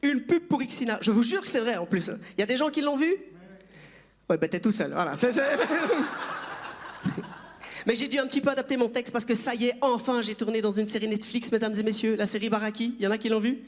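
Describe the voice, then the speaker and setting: A man's voice: very high voice, brisk. A man doing a chatty, self-mocking stand-up set on a theatre stage, teasing the audience. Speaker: stand-up comedian.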